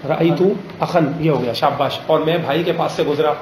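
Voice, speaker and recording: A man's voice: a little high, a little mellow, slight background noise. Male teacher quizzing a class, echoey room. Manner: drills students with frequent check questions; slows down to spell out example phrases. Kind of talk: classroom grammar lesson. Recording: roomy classroom echo.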